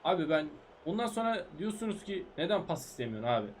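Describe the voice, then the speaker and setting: A gaming YouTuber with a high-pitched, animated voice commentates his own football video game career live, talking fast in casual, frustrated bursts. He shouts at his players, urges them on, and breaks into excited yells whenever chances are missed.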